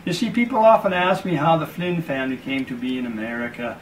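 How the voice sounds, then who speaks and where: A man with a slightly higher voice spins a slow, deliberate story as he does a card trick. He is a bit distant from the mic. A faint hiss of background noise sits behind him. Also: big pitch swings. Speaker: magician.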